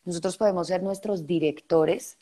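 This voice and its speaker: A guest actress, a young adult woman with a Colombian accent, speaks at normal speed in a lowish voice during a storytelling interview. She narrates animatedly, slipping into other people's voices.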